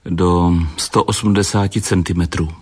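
A man with a very low voice co-narrates a history documentary. He adds explanatory remarks in a conversational tone. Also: fairly even intonation.

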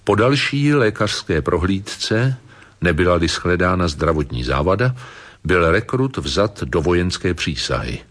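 Deep-voiced man reading documentary narration. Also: very animated, a bit bright. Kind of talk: scripted historical narration.

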